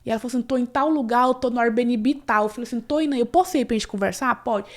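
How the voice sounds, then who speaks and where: A woman tells her own story as an interview guest. Her fairly high voice runs earnest and personal, full of fillers and restarts. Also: fast talker. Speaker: interview guest, cleaning business owner. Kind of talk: emotional personal story in casual conversation.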